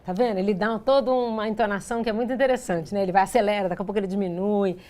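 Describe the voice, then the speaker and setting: A woman's voice: medium pitch, very fast, warm tone. A woman artist giving a talk to educators with a Brazilian Portuguese accent, conversational, acting out dialogue and often adding tag questions. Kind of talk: lecture with anecdotes.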